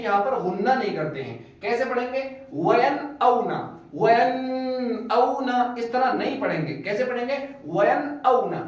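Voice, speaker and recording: A man with a Pakistani Urdu accent, an online Quran tutor, patiently explaining tajweed rules and spelling out letters slowly with recited examples. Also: very high-pitched. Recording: echoey, distant, dull lo-fi sound.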